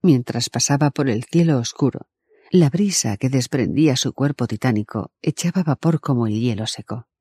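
A male narrator reads a novel aloud in an even, measured way. His voice is dark and mellow with a husky grain. The recording is dry and close, with no room around it. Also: mid-range voice, no echo. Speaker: audiobook narrator. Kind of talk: audiobook narration.

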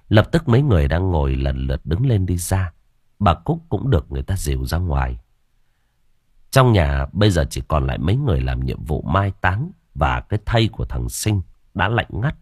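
A male storyteller reading a spooky village tale aloud. His voice is very deep and husky, yet the pitch moves a lot as he tells the story. The recording is close and dry, with no room sound. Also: sing-song, normal speed, no room sound. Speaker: audiobook narrator. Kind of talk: dramatic horror story narration.

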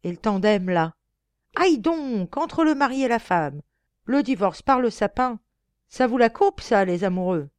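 A woman reading an audiobook voices a rowdy, loudmouthed male cab driver who gleefully shouts insults. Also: a little high, lively intonation, unhurried, dry recording, pitched above the performer's own voice. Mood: gleeful, bellowing.

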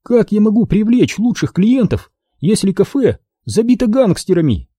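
A man voicing a lively, bossy young woman who runs a café, emphatic and exasperated, in an audiobook. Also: high voice, moderate pace, breathy edge, no echo, voice pushed up, exaggerated voice. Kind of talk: audiobook character voice.

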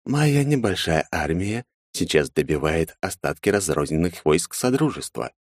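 A man voicing a tall insect-helmed alien man who is calm and polite, with a pleasant, slightly mechanical voice. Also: low-pitched, normal speed, no echo, studio quality. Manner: calm, polite, quietly threatening.

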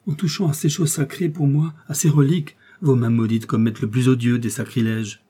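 A man's voice: medium pitch, fairly even intonation, slow pace. A man voicing a distraught male circus clown who protests in pleading, indignant outbursts. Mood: outraged.

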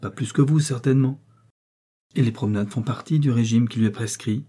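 A man's voice: mid-range voice, a little fast, dark tone, breathy edge, close to an everyday voice. Man voicing a cold, sarcastic prince. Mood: commanding. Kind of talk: audiobook character reading.

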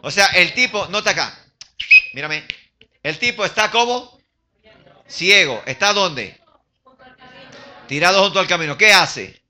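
High-voiced older man preaching. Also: a little slow, long pauses. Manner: animated, questions the congregation, mixes in English. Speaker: pastor. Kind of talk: sermon. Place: church.

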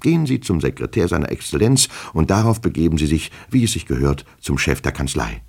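A man voicing a hurried, haughty official who talks curtly and officiously, in an audiobook reading. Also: very deep voice, sing-song, creaky, darkish tone, full character voice. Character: brisk, haughty male official, curt and dismissive.

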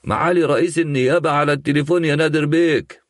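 A man voicing a proud, loyal male assistant with an Egyptian accent who speaks loudly with exaggerated enunciation. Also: on the high side, steady tone, very fast, no echo, clean studio sound, voice pushed up, natural voice. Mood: announcing. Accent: Egyptian Arabic. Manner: loud, over-enunciated.

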